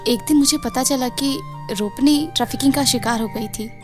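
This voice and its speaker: An earnest, determined village girl , played by a woman, speaking plainly in rustic dialect. Her voice is high. Soft music plays in the background. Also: moderate pace, lightly acted. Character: determined village girl grown into art teacher.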